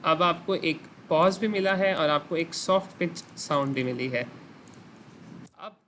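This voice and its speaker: A man with a slightly high voice teaches a clinical class over a video call. He explains step by step, checks answers with his students and slips English phrases into his sentences. A faint noise sits under the call. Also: unhurried, fairly bright tone. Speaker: medical teacher. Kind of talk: online clinical lesson.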